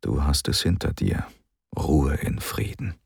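A man voicing a weary, grieving male general who speaks quietly and heavily in an audiobook. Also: a bass voice, big pitch swings, a little slow, creaky, slightly rough, no echo, studio quality, full character voice. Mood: hushed. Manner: hushed, quiet and heavy. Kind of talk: audiobook character voice.

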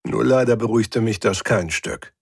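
Husky male story narrator. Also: on the low side, moderate pace, no echo, studio quality. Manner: first-person storytelling, wry. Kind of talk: scripted audio drama narration.

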